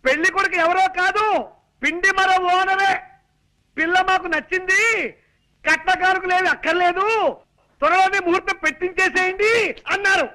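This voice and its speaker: A man playing a flustered, fawning suitor in a film comedy, talking in an exaggerated way and shouting at a deaf elder. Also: very high-pitched, fairly even intonation, normal speed, long pauses, full character voice, rough recording. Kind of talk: 1990s film comedy acting.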